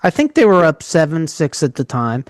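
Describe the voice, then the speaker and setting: A man with a New York area accent, co-hosting a casual podcast and telling stories in an animated, joking way. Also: a little high, normal speed, no echo. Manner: animated storyteller, jokey. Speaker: podcast co-host.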